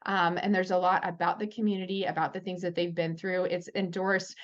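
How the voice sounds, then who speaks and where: A woman, a military spouse advocate, telling stories in a casual interview in a lively way, acting out the voices she quotes. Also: on the low side, brisk, highs cut off.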